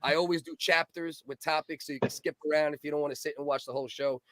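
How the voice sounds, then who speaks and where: High-voiced man hosting a podcast. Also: steady tone, quick pace, background noise. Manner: loud, profane, repeats himself for emphasis. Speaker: podcast host. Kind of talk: casual podcast banter.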